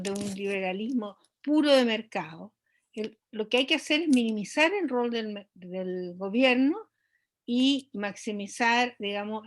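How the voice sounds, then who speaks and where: A woman economist speaking as an interview guest, explaining at length with frequent hesitations and restarts. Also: on the high side. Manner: measured, many hesitations and restarts.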